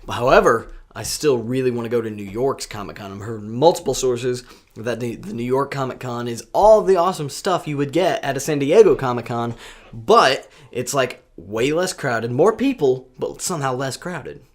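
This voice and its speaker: A man's voice: mid-range voice, animated, normal speed. A man co-hosting a casual gaming podcast, playful and often restarting his sentences. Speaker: podcast co-host. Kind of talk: casual chat.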